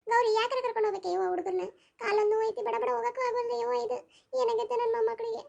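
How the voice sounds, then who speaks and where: A woman voicing a fretful, sharp-tongued but loving old grandmother with a North Karnataka accent in a cartoon. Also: very high-pitched, little pitch movement, very fast, vocal fry, lo-fi sound, full character voice. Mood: lamenting. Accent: North Karnataka Kannada. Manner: lamenting, scolding.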